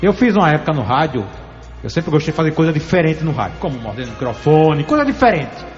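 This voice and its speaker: A man's voice: on the high side, big pitch swings, fast talker, big-room sound, muffled recording, faint music behind. A man from Alagoas hosting a sports interview, chatty and storytelling, often laughing. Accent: Alagoas Brazilian. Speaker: radio sports host. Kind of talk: conversational interview.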